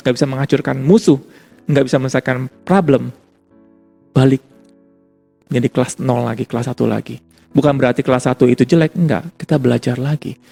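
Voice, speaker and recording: A man's voice: mid-range voice, gravelly, mellow, husky. A male pastor giving a casual, conversational sermon, repeating his points for emphasis. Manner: casual conversational preaching with repetition.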